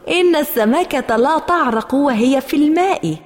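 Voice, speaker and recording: A woman's voice: high voice, expressive, normal speed, voice pushed up. Woman doing a cheeky teasing little boy. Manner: mocking, singsong. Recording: roomy reverb with soft music.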